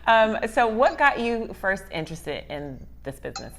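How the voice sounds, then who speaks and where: A woman's voice: fairly high pitch, big pitch swings, moderate pace, noisy background. A woman hosting a casual interview, bubbly and friendly, laughing easily with her guest. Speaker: host.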